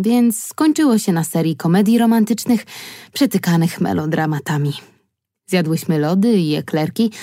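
A woman narrating a first-person audiobook in an even, measured reading. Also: on the low side, dry recording, clean studio sound.

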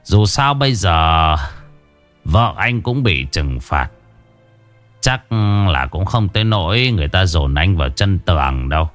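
Man doing a calm old village sorcerer. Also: sits low, soft background music, full character voice. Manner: calm, measured, lecturing. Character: calm older male village sorcerer, weary and sighing.

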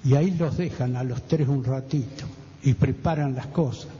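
An older man with a Rioplatense accent giving a halting personal testimony as a radio guest, often repeating words and acting out other people's voices. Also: medium pitch, warm tone. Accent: Rioplatense Spanish. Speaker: witness guest. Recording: dull roomy radio recording with faint hiss.

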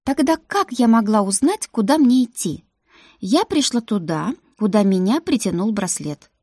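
A woman voicing a sharp-tongued young woman student from another world, talking high and sarcastic. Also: sing-song, moderate pace, husky, no room sound, studio quality. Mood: anxious.

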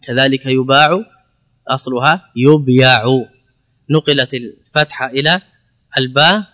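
A man giving a classroom lecture on Arabic grammar, explaining step by step, asking and answering his own questions and repeating words slowly as a drill. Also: mid-range voice, pushed and bright.

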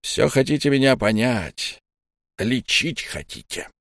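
A man voicing a cruel, brazen entity possessing a patient, in a low guttural growl with an insolent, scornful manner. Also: animated, unhurried, a bit bright, no room sound, clean studio sound. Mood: scornful menacing.

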